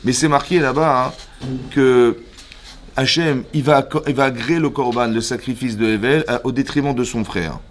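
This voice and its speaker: A man's voice: mid-range voice, normal speed, slight background noise. A man, a rabbi giving a Torah lesson to a women's class, who keeps checking that his listeners follow and acts out the characters' words as he explains. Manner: lively, questions the listeners often.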